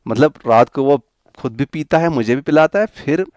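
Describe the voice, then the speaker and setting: Tearful young wife, subdued and quiet, voiced by a male teacher, in a dry, close recording. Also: medium pitch, moderate pace, no echo, close to an everyday voice. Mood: upset. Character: tearful young woman complaining about her husband. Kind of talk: storytelling mnemonic voice.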